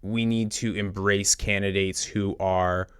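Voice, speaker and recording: A young man casually talking politics with his brother, animated and nerdy with joking asides. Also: on the low side, clean tone, no echo, studio quality. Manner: animated, self-described nerd, quick jokey asides. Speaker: podcast co-host.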